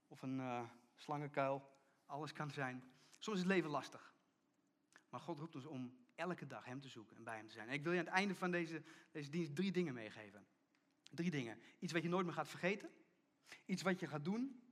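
Middle-aged male pastor, slightly high voice, storytelling sermon with hushed emphasis. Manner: storytelling preacher, acts out quoted voices, drops to hushed emphasis.

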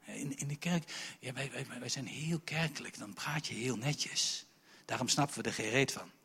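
A man preaching a sermon, telling the story in a lively, colloquial way. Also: medium pitch, moderate pace, slightly rough, big-room sound. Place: church.

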